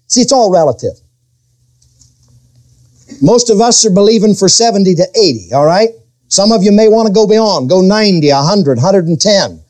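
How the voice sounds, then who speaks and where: A middle-aged male pastor preaching a sermon, swinging his voice up and down and drawing out key words. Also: darkish tone. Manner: preaching with sudden pitch swings and quoted voices.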